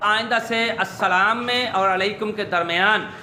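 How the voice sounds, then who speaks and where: A man teaches children how to pronounce words. His voice sits high and bright, and he stretches each word slowly before quizzing them with rising questions. The sound is roomy and echoey, with a faint hum behind it. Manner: slow, drawn-out repetition of words. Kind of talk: pronunciation lesson for children. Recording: echoey room with faint ambience.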